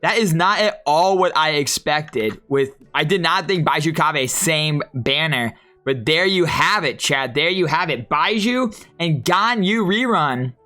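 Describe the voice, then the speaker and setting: Excitable, animated woman streamer. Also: deep voice, unhurried. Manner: excitable, slangy. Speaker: streamer reacting to a broadcast. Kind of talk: casual live reaction commentary.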